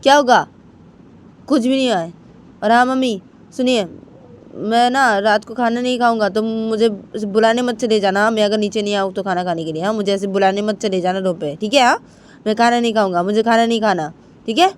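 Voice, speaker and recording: A woman voicing an irritable, tomboyish young woman who talks in masculine forms, loud and snappy. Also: lively intonation, moderate pace, long pauses, a little hiss or hum, lightly acted. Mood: irritated. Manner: snappy, raised pitch and loud.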